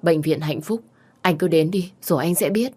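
A woman's voice: lowish voice, moderate pace, warm tone, breathy edge. A woman voicing an urgent, curt young woman calling with news.

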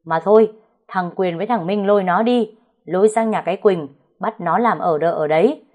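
A woman voicing a harsh old male family patriarch who scolds slowly and threateningly. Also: high-pitched, a little mellow. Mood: furious.

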